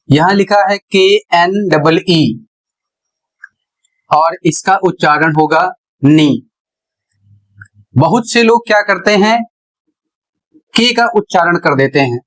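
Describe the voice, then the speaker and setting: A man with a high voice walks through a lesson at an unhurried, careful pace. He spells out each word letter by letter, like a patient classroom teacher. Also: a bit bright, rough recording. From India. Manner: deliberate, spells words out letter by letter. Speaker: English teacher. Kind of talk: slow classroom explanation.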